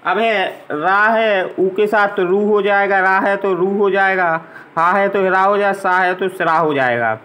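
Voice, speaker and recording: A man's voice: sits high, unhurried, sharp tone, rough recording. A man teaching a grammar lesson to young children, patiently spelling out letters and vowel signs one at a time.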